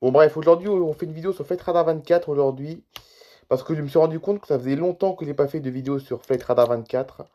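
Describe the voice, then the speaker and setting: A man's voice: a little high, quick pace, warm tone. A tired man YouTuber giving rambling, chatty commentary over a screen recording, reading out flight routes one after another.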